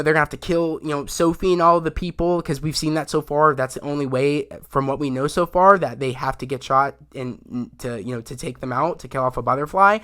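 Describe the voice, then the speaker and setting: A man's voice: a little high, a bit bright. A young man giving a casual, rambling recap of a TV episode, full of restarts and fillers. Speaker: YouTube show reviewer.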